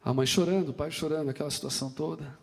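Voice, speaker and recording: A man's voice: on the high side, steady tone, quick pace, vocal fry. A man preaching a sermon with a Brazilian Portuguese accent, telling stories and acting out their dialogue with passion. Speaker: pastor. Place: church sanctuary. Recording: long hall reverb in a church.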